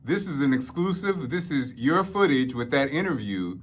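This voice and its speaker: A man's voice: medium pitch, big pitch swings, normal speed. A man hosting a talk show, introducing a segment in polished form and leading the guest with questions. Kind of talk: presenting and interviewing. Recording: faint music underneath.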